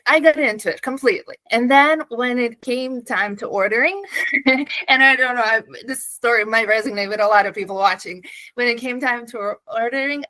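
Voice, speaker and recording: A woman in her thirties with a Serbian accent, a guest telling her story in a casual interview, lively, laughing often and pausing on fillers. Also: fairly high pitch, no room sound, rough recording.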